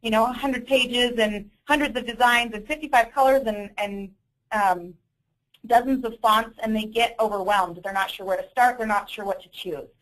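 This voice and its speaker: A woman with a fairly high voice presents a business training webinar over a conference call. She explains things informally and often corrects herself mid-sentence. She comes across as slightly apologetic throughout. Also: normal speed, low-quality recording. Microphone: conference call audio.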